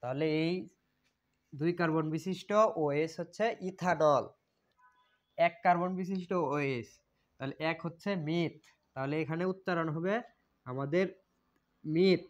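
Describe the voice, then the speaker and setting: A man teaching a chemistry lesson, repeating points and asking questions that he then answers himself. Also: a little high. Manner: repetitive, asks and answers own questions. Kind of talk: classroom lecture. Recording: dull lo-fi recording.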